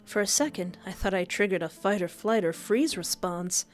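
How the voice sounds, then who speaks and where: A woman streamer reading a visual novel aloud on a livestream, playful and quick to laugh between the story's lines. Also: medium pitch, soft background music. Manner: lively, playful, laughs often.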